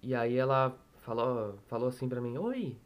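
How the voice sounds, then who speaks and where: A man's voice: medium pitch, flat delivery, moderate pace, clear, resonant tone. A young man from Brazil telling a long casual story at home, rambling and cursing, often restarting his sentences. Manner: rambling, profane, self-correcting. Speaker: storyteller vlogger. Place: room at home on a noisy street. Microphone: desktop microphone.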